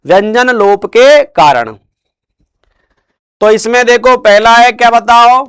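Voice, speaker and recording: High-voiced man drilling Hindi spellings. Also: expressive, a bit bright, smooth. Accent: Rajasthani Hindi. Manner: drills words with repeated questions, stretches out answers slowly. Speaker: Hindi grammar teacher. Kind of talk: spelling lesson.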